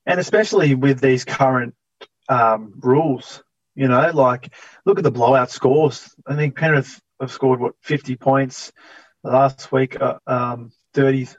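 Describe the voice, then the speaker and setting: An easygoing man co-hosts a sports podcast, hesitating often with fillers. His voice is mid-pitched. He comes through a dull remote line that turns robotic at times, with a dry sound. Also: a little slow, no echo. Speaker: podcast co-host. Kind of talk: casual sports fantasy chat.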